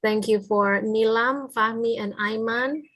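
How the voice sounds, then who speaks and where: A woman's voice: fairly high pitch, steady tone, unhurried, a bit bright. A woman with an Indonesian accent, a native Indonesian speaker, giving polite, semi-formal closing remarks as moderator of an online academic lecture, phrasing things hesitantly. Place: video call.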